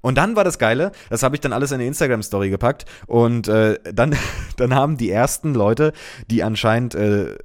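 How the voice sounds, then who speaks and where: A man reading out reactions to his post with sarcastic, deadpan asides in casual commentary. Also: medium pitch, fairly quick. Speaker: social media commentator.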